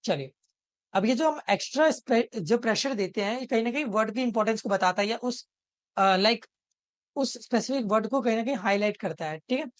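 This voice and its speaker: Young-sounding male tutor, high-pitched, dry close sound, keeps asking the viewer if they're following, spells words out slowly. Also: no room sound. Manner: keeps checking in with the viewer after almost every phrase; explains step by step and repeats words slowly, breaking them into parts. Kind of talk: exam-prep video lesson.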